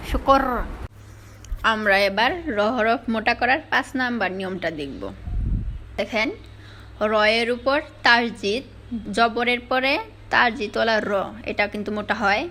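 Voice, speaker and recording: A woman's voice: fairly high pitch, fairly bright tone, slight background noise. Patient woman teaching recitation sounds. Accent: Bangladeshi Bengali. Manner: patient, repeats sounds slowly to demonstrate. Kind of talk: explaining pronunciation rules step by step.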